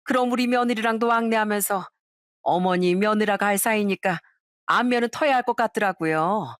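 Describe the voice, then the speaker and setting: A woman's voice: mid-range voice, normal speed, no echo, clean studio sound, lightly acted. A woman voicing a shameless, pushy middle-aged ex-wife. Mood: brazen. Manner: pushy, self-assured.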